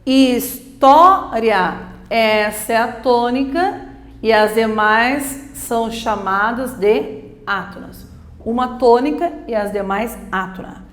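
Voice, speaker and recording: A woman's voice: fairly high pitch, slow pace, roomy sound. A woman teacher, teaching a grammar lesson for exam prep, explaining step by step and asking and answering her own questions.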